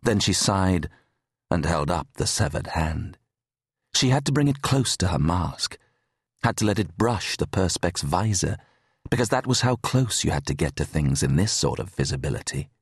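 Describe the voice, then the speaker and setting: A man reading an audiobook in measured, steady scripted narration on a close studio mic. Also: low voice, breathy edge, no room sound.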